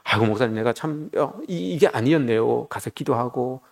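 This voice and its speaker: A man's voice: medium pitch, lively intonation, brisk, creaky. A man voicing an elderly church deaconess who pleads in a frantic, emotional way. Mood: tearful.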